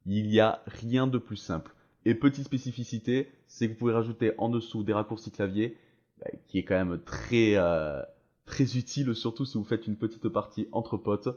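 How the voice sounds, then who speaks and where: A man's voice: fairly low pitch, steady tone, brisk, darkish tone. Dull-sounding Frenchman in a casual tutorial. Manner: informal, slangy, enthusiastic. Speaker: video creator presenting a voice-changer tool.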